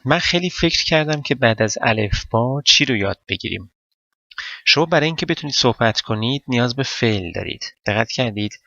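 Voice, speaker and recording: A man's voice: medium pitch, lively intonation, sharp tone, no room sound. A man whose first language is Persian teaches a casual spoken lesson. He explains step by step, quizzes his viewers and thinks aloud while he writes. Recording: dry, slightly dull recording.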